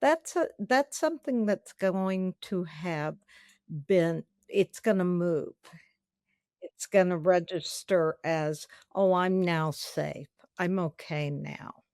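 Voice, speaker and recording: Slow, gravelly-voiced Southern woman explaining. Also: on the low side, a little mellow, no echo, clean studio sound. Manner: measured, explanatory. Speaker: trauma expert guest. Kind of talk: podcast interview.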